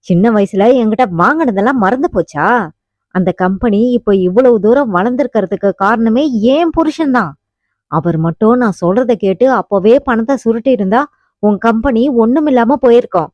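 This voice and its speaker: A woman's voice: on the high side, animated, normal speed, a little mellow, dry recording. A woman voicing a furious, scornful older woman who taunts her nephew, in a harsh voice, on a dull, dry recording. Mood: furious, taunting. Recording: dull, muffled audiobook recording.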